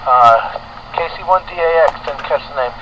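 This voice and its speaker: A man's voice: on the high side, normal speed. A man giving short, clipped signal reports, like someone on a work-site two-way radio. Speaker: amateur radio net participant. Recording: noisy muffled two-way radio.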